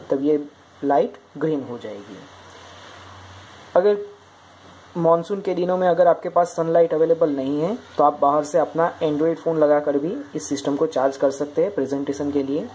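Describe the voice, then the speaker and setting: Low-voiced woman explaining circuit parts. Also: slight background noise, rough recording. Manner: steady step-by-step explanation, pointing out parts. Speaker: project demonstrator. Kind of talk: explaining an electronics project.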